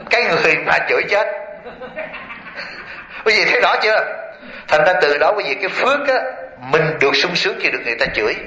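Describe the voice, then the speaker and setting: A man's voice: fairly high pitch, sharp tone. A Buddhist monk gives a sermon to a lay audience. He keeps quizzing his listeners with rhetorical questions and often chuckles as he tells stories. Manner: chuckles often while storytelling. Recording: echoey hall.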